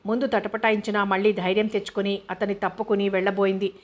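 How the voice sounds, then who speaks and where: A woman's voice: medium pitch, little pitch movement, fast. A woman narrating a Telugu novel as an audiobook, reading steadily and voicing the characters' dialogue in her own voice. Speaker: novel reader.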